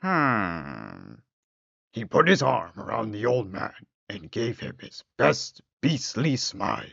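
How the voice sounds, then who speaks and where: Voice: mid-range voice, very animated, measured pace, vocal fry, a bit bright, slightly rough, no echo. A storyteller giving a theatrical, wry comic narration of a fairy tale on a dull lo-fi recording.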